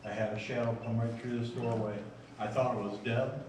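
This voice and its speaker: A man's voice: mid-range voice, fairly even intonation, brisk, darkish tone. A man casually recounting what he noticed as a paranormal investigator. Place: large indoor bowling alley. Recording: very echoey, distant, noisy.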